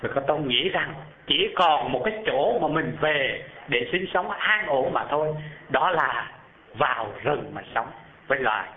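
Telling a Buddhist story as a sermon, a man speaks at a measured pace but with animation, often putting questions to the live audience and pitching his voice up high during descriptions. The audio has a thin, phone-like quality.

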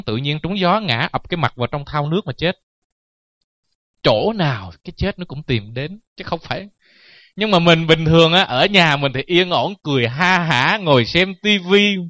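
Joking Buddhist monk, higher male voice. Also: a bit bright, dry recording. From Vietnam. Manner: joking, anecdotal, laughs at his own stories. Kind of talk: dharma talk sermon.

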